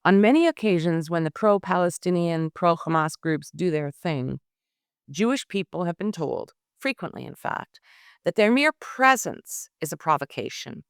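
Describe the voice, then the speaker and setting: Lively low-voiced woman host narrating. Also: normal speed, clean tone, no room sound, clean studio sound. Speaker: podcast host. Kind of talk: scripted narration.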